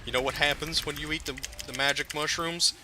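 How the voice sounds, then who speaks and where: A man's voice: a little high, steady tone, brisk, noisy background. A man giving casual, profane, jokey commentary over his own gameplay and talking back to the game characters.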